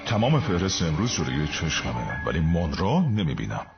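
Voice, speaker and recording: A male dubbing actor voicing a calm, authoritative hospital doctor who speaks in a measured, soothing way. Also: rumbling low, heavily acted. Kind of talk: Persian film dub. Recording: dull lo-fi film audio with music.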